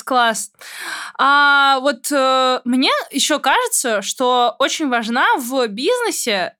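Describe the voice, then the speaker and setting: High-voiced playful woman podcast host. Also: sharp tone. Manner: playful, heaps on enthusiastic praise. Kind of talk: casual podcast interview.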